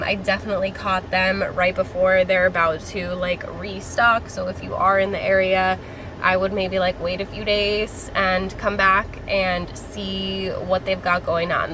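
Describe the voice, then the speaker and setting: A woman's voice: mid-range voice, fairly even intonation, a little slow. A woman hosting a casual plant-shopping vlog, talking in a chatty, informal, slangy way. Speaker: vlog host. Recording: background music, fan or vehicle hum.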